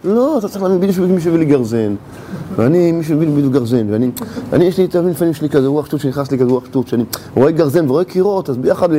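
A man's voice: on the high side, animated, mellow, a little hiss or hum, lightly acted. A man acting out a fellow with an axe who stammers apologies and lame excuses for smashing walls. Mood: sheepish pleading.

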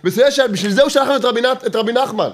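Man teaching Torah, very high voice, insistent and repetitive, rhetorical questions. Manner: lively, mixes in humor.

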